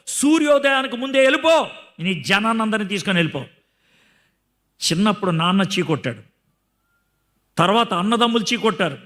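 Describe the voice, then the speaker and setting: A man's voice: high-pitched, bright, forceful tone. A man preaching a sermon, asking his listeners questions and acting out the lines of people in the story. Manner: teaching by questions to the audience, acting out quoted lines. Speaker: pastor.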